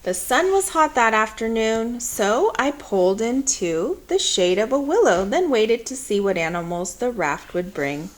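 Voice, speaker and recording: Reading a children's picture book aloud, a woman uses a measured, expressive storytelling style. Her voice sits on the high side.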